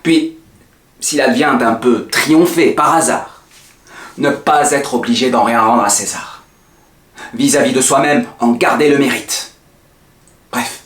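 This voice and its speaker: A declamatory, defiant Cyrano de Bergerac, echoey. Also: male voice, medium pitch, fairly bright tone. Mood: proud, resolute. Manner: hammy, declamatory stage acting with big dynamic swings. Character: proud, defiant poet-swordsman declaiming a scornful refusal speech. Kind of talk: theatrical French verse monologue. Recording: echoey, roomy sound.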